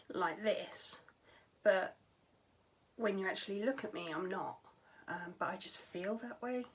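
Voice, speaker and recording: A young adult woman vlogs candidly to camera at home, sounding tired and low on vocal energy, her voice often sinking to a breathy near-whisper. Her casual talk is matter-of-fact, full of fillers and phrases that trail off.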